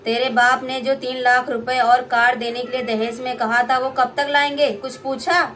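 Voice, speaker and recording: Young woman playing greedy mother-in-law, shrill, scolding, shouting, high-pitched, puppet play, faint hiss. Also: little pitch movement, normal speed.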